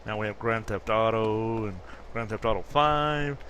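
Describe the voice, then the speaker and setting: He's a gaming YouTuber in his fifties, rambling casually through gameplay commentary and correcting himself. His voice is lowish and a bit bright, a little slow, with a slight hiss or hum in the audio.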